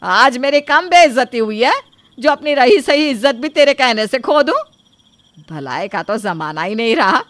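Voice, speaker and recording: A woman voicing a sharp-tongued middle-aged mother-in-law who scolds sarcastically. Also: fairly high pitch, lively intonation, moderate pace, dry recording. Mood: scolding.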